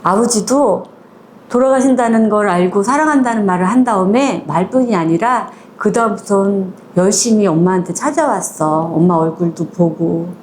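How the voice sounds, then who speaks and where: A woman's voice: mid-range voice, normal speed, a little mellow, a little hiss or hum. A woman retelling a short story in a conversational, chatty way, moving between polite and casual speech and acting out the quoted lines. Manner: acts out quoted lines in small voices.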